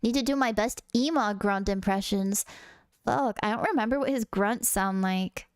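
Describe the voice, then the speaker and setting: A woman's voice: mid-range voice, normal speed, clean tone, no echo, studio quality. A woman streaming a game, chatting in a bubbly, casual way with frequent swearing. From United States. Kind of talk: casual gaming stream chat.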